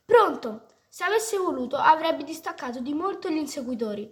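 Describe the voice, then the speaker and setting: A woman's voice: high-pitched, expressive, brisk. A woman reading a story aloud, stumbling and restarting at times. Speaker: reader.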